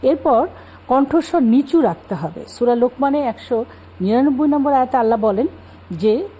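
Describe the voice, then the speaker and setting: A woman speaking as a guest on a religious talk show, calmly explaining scripture and manners. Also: high voice, moderate pace, husky, low-quality recording. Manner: calm explanatory, cites scripture.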